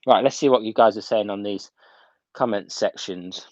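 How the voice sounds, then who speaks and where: Indoors at home, a male hairdressing instructor walks viewers through an informal live video demonstration step by step, going back over key points to stress them. His voice is lowish and a little mellow, at a moderate pace, on a lo-fi recording with no room sound.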